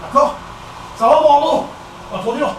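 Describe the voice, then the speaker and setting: A man with a French accent coaching a boxing session, counting out combinations and calling out punches in short, brisk commands. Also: extremely high pitch, lively intonation. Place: echoey boxing gym. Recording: echoey gym, distant camera, background noise.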